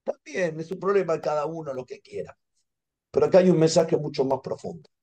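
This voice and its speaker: Argentine man teaching, dark soft voice. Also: a little high, a little fast. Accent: Argentine Spanish. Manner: animated storytelling, repeats phrases for emphasis. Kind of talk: class over a video call. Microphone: video call.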